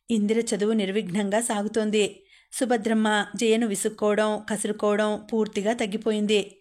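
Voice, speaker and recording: A woman reading a novel aloud as an audiobook narrator, telling the story in a steady, even way. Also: mid-range voice.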